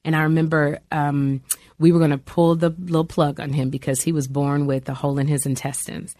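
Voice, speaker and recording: A woman's voice: low voice, little pitch movement, a little fast, warm tone, no echo, clean studio sound. A middle-aged woman speaking candidly and emotionally about faith, bringing her stories to life with quoted voices. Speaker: guest.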